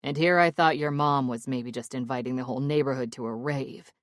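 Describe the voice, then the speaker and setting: A man's voice: mid-range voice, fairly even intonation, brisk, fairly bright tone, no room sound, clean studio sound, voice pushed down, lightly acted. A woman voicing a cocky, teasing young man who jokes with confident, playful banter in an audiobook.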